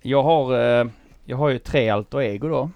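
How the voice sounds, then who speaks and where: Gravelly Skåne man, hesitant. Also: mid-range voice, lo-fi sound. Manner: hesitant, many fillers. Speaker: musician guest. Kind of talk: casual chat.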